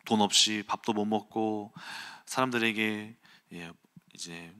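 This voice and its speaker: Bright-voiced male preacher telling stories. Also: fairly low pitch, measured pace, clear, resonant tone. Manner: animated storytelling, acts out quotes and sounds, chuckles. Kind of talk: early-morning sermon with personal storytelling.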